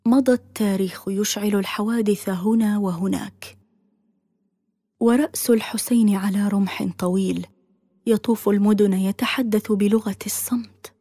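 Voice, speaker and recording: A woman narrating a dramatic audiobook story in a solemn, often hushed voice. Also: mid-range voice, fairly even intonation, normal speed, no echo, studio quality.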